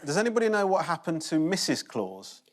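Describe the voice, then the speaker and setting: A man's voice: on the high side, sing-song, brisk, very noisy. A man hosting a comedy panel show with dry joking delivery. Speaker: host. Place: TV studio with audience.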